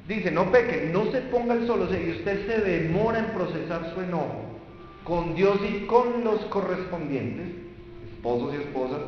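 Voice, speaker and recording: A man preaching a lively sermon, talking straight to the audience and acting out what people say. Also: a little high, slight background noise. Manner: animated, acts out quoted voices, addresses audience directly. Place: large echoing hall or church at a conference. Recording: very echoey hall, dull sound.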